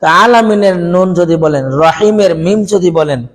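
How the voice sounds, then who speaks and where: A man's voice: high-pitched, moderate pace. A man teaching a Quran recitation training lesson, explaining sounds step by step and putting questions to his listeners. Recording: hall with long reverb.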